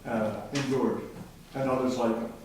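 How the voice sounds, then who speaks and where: An older man speaks at a council podium, earnest and patriotic, slipping in a joke now and then. His voice sits at an ordinary middle pitch. It is caught from some distance in a very echoey chamber. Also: steady tone, unhurried, a little mellow. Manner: earnest, patriotic, tells jokes. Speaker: public commenter at city council. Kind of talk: public comment speech. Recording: very echoey room, distant mic, faint noise.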